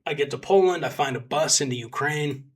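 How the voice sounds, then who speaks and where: This young man, a volunteer combat medic from Texas, United States, speaks briskly in a voice on the high side. He tells his story in a loose, filler-heavy, rambling manner, perking up when quoting others.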